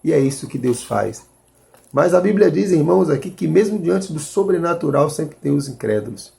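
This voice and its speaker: A man preaching a sermon. His voice sits a little high for a man, but it has a gravelly fry and a dark, mellow tone. He explains scripture earnestly and often restarts as he reasons aloud. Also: expressive, moderate pace. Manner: earnest, addresses listeners as brothers, restarts while reasoning aloud.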